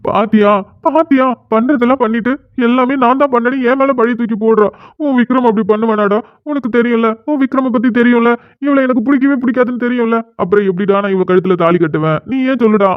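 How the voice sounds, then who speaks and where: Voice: mid-range voice, quick pace, clear, resonant tone, lightly acted. A whiny, sulking young cartoon husband, as a performer plays him. He pleads and complains in a middling voice. The sound is tinny and phone-like, with no room echo. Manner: whining, pleading. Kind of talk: cartoon dialogue.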